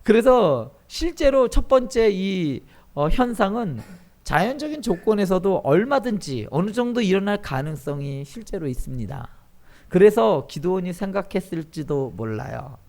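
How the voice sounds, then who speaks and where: Man, pastor, sermon, high voice, very lively pitch, acts out the quotes. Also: moderate pace. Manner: animated preaching, acting out quoted dialogue in lively voices.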